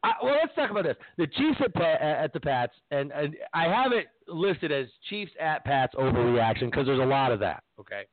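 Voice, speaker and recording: Animated high-voiced man ranting. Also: moderate pace, hardly any pauses, no room sound. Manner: animated, ranting, laughs often. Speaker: podcast host. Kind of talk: casual sports chat. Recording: tinny phone-like line.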